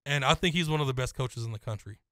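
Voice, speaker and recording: A young man co-hosting a casual sports talk show, giving a confident, detailed breakdown in a steady flow. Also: mid-range voice, fast talker, dry recording, clean studio sound. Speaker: co-host.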